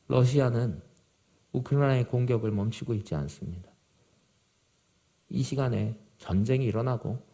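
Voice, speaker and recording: Animated, mellow-voiced preaching man. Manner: emphatic, rising to loud urgency then dropping low and quiet. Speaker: pastor. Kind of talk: sermon.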